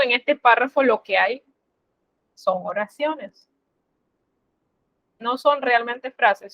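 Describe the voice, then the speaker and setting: A woman's voice: fairly high pitch, dry recording, dull audio. A woman teaching a French class online, explaining step by step in a patient, instructive way. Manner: slow, patient, instructive, addresses students formally.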